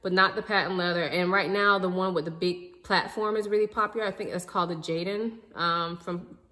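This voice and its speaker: A vlogger in her thirties talks briskly in a lowish voice, sitting in front of the camera in her living room. She's relaxed and chatty, going over her purchases and addressing viewers as "y'all," while the audio has a big-room sound.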